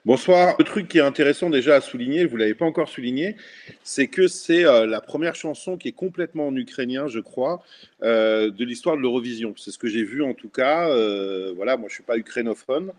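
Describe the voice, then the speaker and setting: A middle-aged man, a former local culture official, joins a casual video call discussion as a guest from a room at home, picked up by a laptop webcam. His medium-pitched voice is a little fast and a little mellow. He sounds thoughtful and enthusiastic, using frequent fillers.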